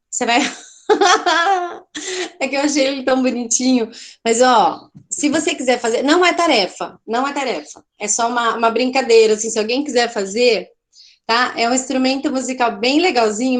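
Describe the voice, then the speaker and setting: A woman teaching an online art class, explaining in a chatty way with a Brazilian Portuguese accent, often checking in with her students and correcting herself. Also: a little high.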